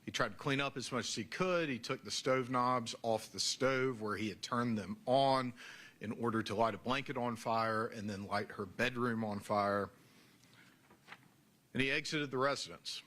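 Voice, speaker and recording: Bright-voiced male prosecutor arguing in a courtroom. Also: medium pitch. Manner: formal, deliberate narrative delivery in short phrases. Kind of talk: closing argument in a courtroom.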